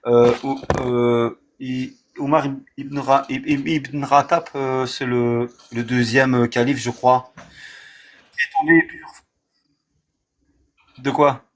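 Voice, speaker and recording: A man's voice: mid-range voice, steady tone, a little hiss or hum. A hesitant man on a patchy call. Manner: hesitant, halting, restarts words often. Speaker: live caller. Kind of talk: casual call-in chat. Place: home cellar workshop.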